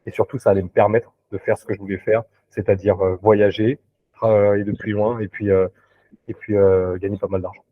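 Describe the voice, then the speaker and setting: A man's voice: on the low side, flat delivery, a little fast, no room sound. Man on a dry, tinny video call. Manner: hesitant, many fillers and restarts. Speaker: recruiter, interview guest. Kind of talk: casual interview chat.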